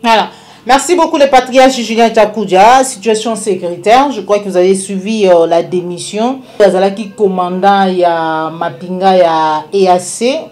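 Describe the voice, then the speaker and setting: A woman hosts a news talk show, briskly moving between topics and putting questions to her guest. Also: medium pitch, darkish tone, slight background noise. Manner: switches between French and Lingala, brisk questioning. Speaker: host.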